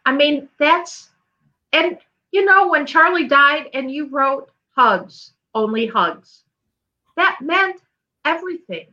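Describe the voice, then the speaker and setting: Unhurried woman grief coach, gentle and careful, slightly high voice. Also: expressive, dull audio. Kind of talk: casual conversation.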